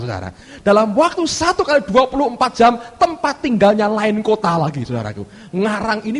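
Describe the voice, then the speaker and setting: A male pastor preaching a sermon, telling a story with animated delivery and often addressing the congregation directly. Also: high voice, husky. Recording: echoey church hall.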